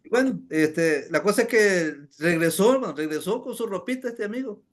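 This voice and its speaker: A man with a rather high voice recounts a testimony to his listeners. He speaks as an evangelist, keeps addressing them as brothers, and fills his pauses with "este". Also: animated. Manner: keeps calling listeners "hermanos", many "este" fillers. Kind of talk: storytelling testimony to a congregation.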